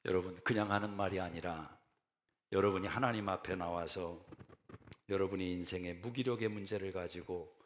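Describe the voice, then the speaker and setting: A man preaching a sermon as a pastor, emphatic and repeating key phrases for emphasis. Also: deep voice. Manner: emphatic preaching that builds to loud declarations. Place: church sanctuary. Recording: reverberant church sanctuary.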